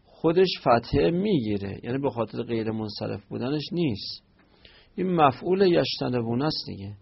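A man's voice: medium pitch, animated, creaky, husky, highs cut off. A man teaching a grammar lesson, explaining step by step and raising questions, then answering them himself. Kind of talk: Arabic grammar lesson on Quranic verses.

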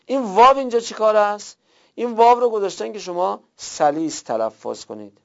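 A man's voice: high-pitched, animated, vocal fry. A man teaching a class, explaining step by step with worked examples and rhetorical questions. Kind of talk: classroom lecture. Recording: dull lo-fi recording.

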